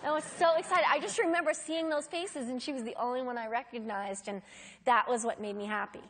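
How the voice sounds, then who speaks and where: A woman on a panel excitedly recalling a memory for an audience, bubbly and quick to laugh. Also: a little high. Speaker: actress on a panel. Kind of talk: casual storytelling to an audience.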